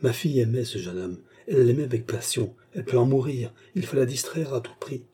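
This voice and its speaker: A man's voice: medium pitch, a little fast, warm tone, breathy edge. A man reading the part of a worried, devoted middle-aged mother in an audiobook, with an urgent tone. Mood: anxious.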